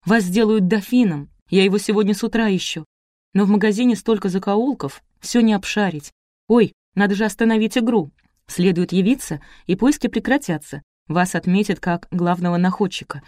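A woman reading aloud as an eager, loud teenage boy in a storybook. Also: medium pitch, a little fast, no echo, studio quality, lightly acted. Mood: excited. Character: excitable teenage boy shopper.

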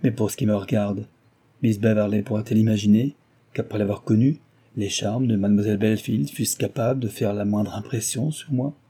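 A man's voice: fairly low pitch, steady tone, brisk, dark tone, breathy edge. A man voicing an ardent, passionate young suitor in an audiobook, pleading with energy. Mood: impassioned. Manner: impassioned, pleading.

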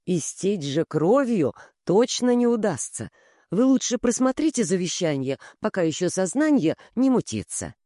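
A man voicing a calm young shinobi who speaks loudly and distinctly, with cold satisfaction. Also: sits high, no room sound, clean studio sound, voice pushed up. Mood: coolly mocking. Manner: loud, clear, measured speech. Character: young male shinobi, calm, coldly pleased.

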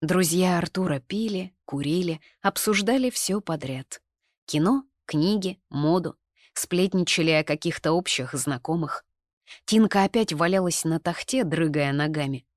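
Woman reading an audiobook, first person, calm and even, lowish voice, dry close sound. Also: a little slow, no room sound. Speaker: narrator.

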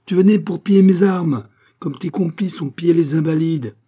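A man voicing an irascible, pompous old priest schoolmaster who shouts in indignation. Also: on the high side, moderate pace, breathy edge, pitched above the performer's own voice. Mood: furious. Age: older.

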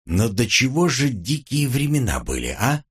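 A man's voice: medium pitch, very animated, normal speed, breathy edge. A man narrating a first-person audiobook in a dry, wry manner.

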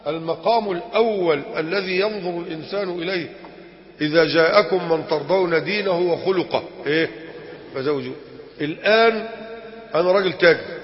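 Egyptian sheikh in an echoey hall. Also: male voice, fairly high pitch, highs cut off. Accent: Egyptian Arabic. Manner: animated, rhetorical questions to the audience. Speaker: sheikh teaching a religious lesson. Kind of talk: colloquial religious lesson.

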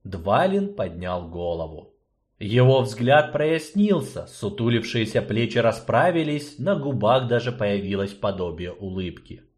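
Expressive male fantasy audiobook narrator. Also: lowish voice, unhurried.

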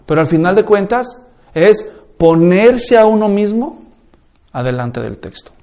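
A man's voice: sits high, animated, a little slow, darkish tone. A man teaching a course on preaching, emphatic and full of rhetorical questions. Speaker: preaching instructor.

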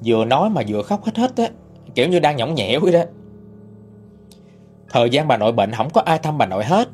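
Husky male storyteller. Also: mid-range voice, a little mellow. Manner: chatty, conversational retelling. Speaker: narrator. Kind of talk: ghost story narration.

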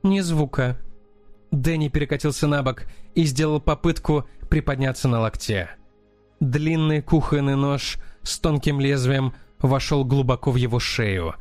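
A man narrating a crime novel as an audiobook in a steady, dramatic reading. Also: mid-range voice, moderate pace, dry recording. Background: faint music.

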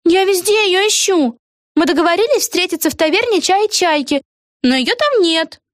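A woman's voice: very high-pitched, expressive, normal speed, no echo, clean studio sound, voice pushed up. A woman voicing a cheerful, scatterbrained young witch girl in a storybook reading, bubbly and sing-song. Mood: cheery.

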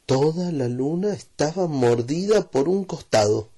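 A man's voice: on the high side, animated, unhurried, mellow. A man narrating a children's story in a playful, repetitive rhythm.

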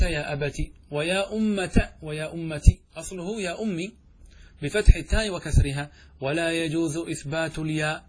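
A man teaching a grammar lesson who poses questions to his students and answers them himself, chanting verses slowly. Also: on the high side, husky. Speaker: sheikh teaching Arabic grammar. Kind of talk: classroom lesson explaining verse.

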